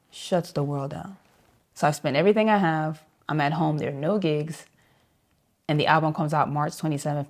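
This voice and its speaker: A woman's voice: deep voice, darkish tone. A woman saxophonist being interviewed, telling a story vividly and acting out the voices of people she quotes. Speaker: jazz saxophonist guest.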